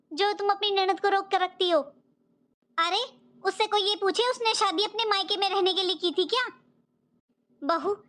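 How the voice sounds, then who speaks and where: A very high-voiced, frail old mother-in-law from a cartoon family drama, pleading to have her son and daughter-in-law sent home. She switches between begging and sharp scolding. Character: elderly woman, daughter-in-law's mother-in-law, pleading, unwell. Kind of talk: cartoon voice acting.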